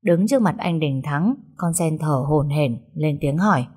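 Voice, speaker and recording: Woman, narrator, comic audio story, lively storytelling. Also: sits low, moderate pace, breathy edge.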